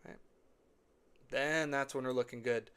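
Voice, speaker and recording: A man's voice: medium pitch, steady tone, unhurried, a bit bright, smooth. A man hosting live crypto chart commentary, rambling and repeating himself, his voice slightly cracked. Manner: rambling, repeats phrases, says okay and right often. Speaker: crypto chart analyst host.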